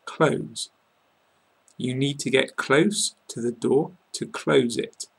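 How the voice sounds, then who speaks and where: A man with a British English accent giving a slow, careful pronunciation lesson, saying each word deliberately. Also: mid-range voice, creaky, husky, rough recording. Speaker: English teacher.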